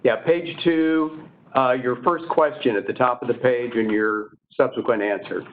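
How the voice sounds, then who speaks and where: A man's voice: mid-range voice, normal speed, narrow, tinny audio. A man cross-examining a witness as an attorney, in formal question-and-answer style over a thin line.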